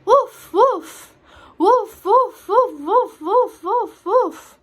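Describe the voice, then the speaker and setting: A woman voicing a talking dog in a joke, giving out high yapping woofs. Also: lively intonation, very slow, heavily acted.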